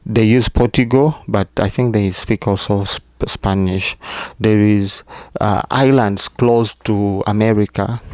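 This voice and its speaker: A man giving casual advice to camera as a vlogger, speaking in a halting way with many restarts. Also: lowish voice, a little mellow, no room sound, clean studio sound.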